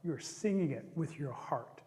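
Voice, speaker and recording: A man's voice: fairly high pitch, expressive, measured pace, warm tone, long reverb tail. A man doing a stern commanding eagle chief. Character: commanding male eagle leading the animals.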